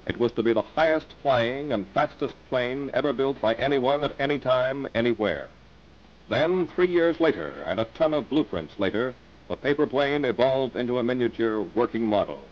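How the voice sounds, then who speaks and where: A man reads the narration of an old newsreel in a dramatic announcer's manner, his pitch rising and falling with lively emphasis. The sound is dull and lo-fi, as from aged film, with a faint hiss underneath. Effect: old newsreel recording. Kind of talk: scripted 1950s newsreel narration.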